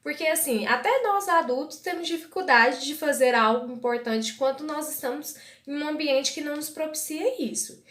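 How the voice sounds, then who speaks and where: A woman's voice: high-pitched, normal speed, hardly any pauses, fairly bright tone, roomy sound. A woman teacher, patiently advising parents and sounding out syllables step by step. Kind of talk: guidance video for parents.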